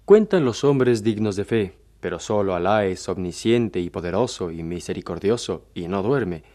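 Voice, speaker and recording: Slow, solemn male storyteller. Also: low voice, animated, dark tone, faint music behind. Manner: slow, measured, solemn reading. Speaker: narrator. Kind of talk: scripted story reading.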